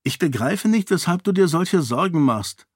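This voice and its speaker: A man reading an audiobook, voicing a determined young noblewoman who talks in a brisk, insistent way. The recording is dry. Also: a little high, expressive, husky, no echo, pitched above the performer's own voice. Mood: earnest. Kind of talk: audiobook character voice.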